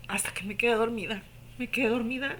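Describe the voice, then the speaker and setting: A woman telling her personal religious testimony in an emotional, hushed storytelling manner that sometimes drops to a whisper. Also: fairly high pitch, fairly even intonation, fast talker.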